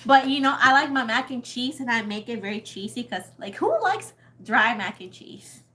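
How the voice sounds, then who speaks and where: A young Puerto Rican woman with a Puerto Rican accent chats casually with viewers of her tarot livestream, rambling, laughing often and swearing casually. Her voice is fairly high, bright and forceful, with lively intonation at a normal speed.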